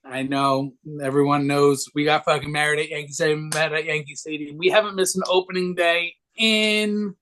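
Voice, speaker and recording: A man's voice: fairly high pitch, steady tone, moderate pace, few pauses, a bit bright, slight background noise. A young man co-hosting a casual sports podcast, brash, joking and swearing freely. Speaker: podcast co-host.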